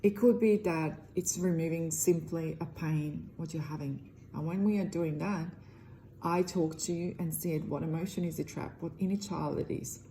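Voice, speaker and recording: In a low-quality self-promotional video, a middle-aged Croatian energy healer addresses the camera earnestly in loosely phrased English with a Croatian accent. Her low, warm voice keeps fairly even intonation at a moderate pace, over slight background noise.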